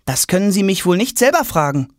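A man's voice: sits high, lively intonation, moderate pace, no room sound, clean studio sound, voice pushed up. A man voicing a curious, hasty schoolboy who asks question after question. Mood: surprised. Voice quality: eager, questioning. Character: curious, hasty schoolboy, polite but impatient.

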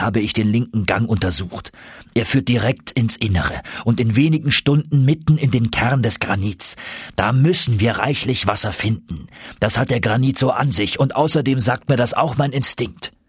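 A man's voice: fairly low pitch, normal speed, slightly rough, no echo, studio quality. A man voicing a stern, obsessive old professor on an expedition, commanding and stubborn, in an audiobook reading. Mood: persuasive. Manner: stubborn, commanding, tender at times.

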